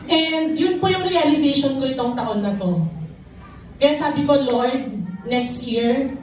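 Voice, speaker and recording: Filipino woman, high voice, earnest church testimony, heavy echo from far off. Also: animated, moderate pace, darkish tone, slight background noise. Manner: emotional, earnest, mixing Tagalog and English. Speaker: church member giving testimony. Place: church hall.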